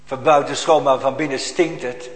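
A man's voice: mid-range voice, fairly even intonation, moderate pace. A male pastor delivering a sermon in an emphatic, admonishing way, with pointed rhetorical questions to his congregation. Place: church. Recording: echoey church hall, long reverb.

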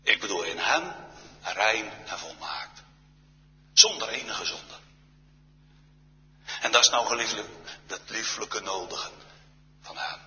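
A man's voice: fairly low pitch, animated, takes it slowly, pauses often, pushed and bright. A man preaching a solemn church sermon, often sinking to a near-whisper. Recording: reverberant church hall, dull sound.

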